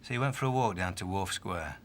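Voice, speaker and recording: Brisk, low-voiced British tough cop. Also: male voice, expressive, a little hiss or hum. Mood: controlled, sardonic. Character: male senior detective, brisk, controlled, quietly sardonic. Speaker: senior police detective. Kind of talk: TV police drama acting.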